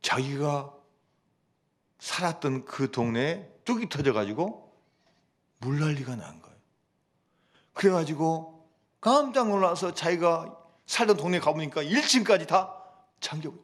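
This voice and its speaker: A man preaching a sermon as pastor, telling a story with lively acted-out prayers and dialogue. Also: fairly high pitch, unhurried, pauses often. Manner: animated storytelling, acting out quoted prayers and dialogue. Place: church.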